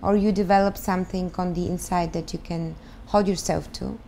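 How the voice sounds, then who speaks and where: A woman in her thirties from Bulgaria, speaking English with a Bulgarian accent, answering interview questions thoughtfully and pausing to search for words. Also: on the low side, steady tone, dark tone, slight background noise. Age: 30s. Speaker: guest, start-up founder. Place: living room, on a sofa.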